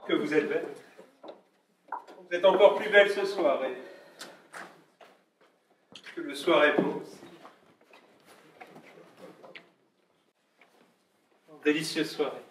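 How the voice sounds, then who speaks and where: A man's voice: on the high side, measured pace, long pauses, close to an everyday voice. An actor playing a gushing, anxious male lover who stammers and pleads effusively. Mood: adoring. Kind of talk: stage comedy acting. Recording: echoey room from far off, faint hiss.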